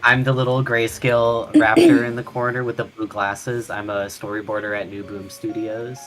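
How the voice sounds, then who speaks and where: A man in his thirties who works as a storyboarder, chatting on a stream with dry, deadpan jokes. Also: medium pitch, normal speed, rough recording. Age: 30s. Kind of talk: casual chat.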